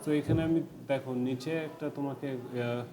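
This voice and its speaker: A man's voice: mid-range voice, steady tone, normal speed, crowd noise. A man giving a casual IELTS tutoring lecture, mixing English tips into loose, chatty explanations with many fillers.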